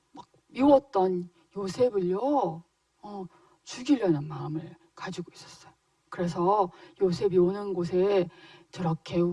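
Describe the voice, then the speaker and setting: Woman doing a kids' sunday school bible story, lively and asking questions, dry and a bit off mic. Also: medium pitch, no echo, recorded from a distance. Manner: animated, questioning, speaking to small children. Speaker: children's ministry teacher. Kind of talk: children's sermon storytelling.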